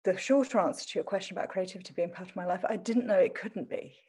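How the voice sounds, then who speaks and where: A woman's voice: mid-range voice, quick pace, darkish tone, slightly rough. A middle-aged woman from Essex with an adopted standard English accent and traces of Essex, talking thoughtfully and self-deprecatingly in a conversational interview. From Southend in Essex, England. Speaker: teacher and interview guest.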